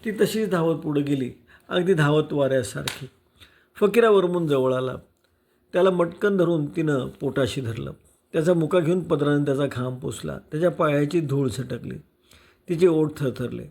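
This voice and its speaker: A man's voice: fairly high pitch, creaky, a little mellow. Man reading a novel aloud. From Karad, Maharashtra. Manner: measured storytelling with acted dialogue. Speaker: novel reader.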